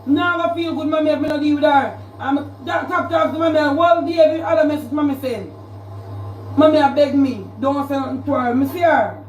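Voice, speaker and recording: Jamaican woman, high-pitched, confrontational livestream rant; echoey room, off-mic. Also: fairly quick, recorded from a distance, a little hiss or hum. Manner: confrontational, repetitive, calling out a rival. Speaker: social media livestreamer.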